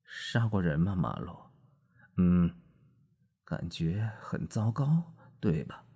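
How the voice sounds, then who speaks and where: A man voicing an exhausted, drunken middle-aged writer who talks slowly in a weary half-whisper. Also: low voice, sing-song, dark tone, breathy edge, heavily acted.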